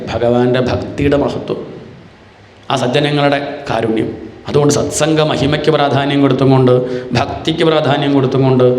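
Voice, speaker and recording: Male discourse speaker, storyteller, chants verses slowly, roomy hall reverb. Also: mid-range voice.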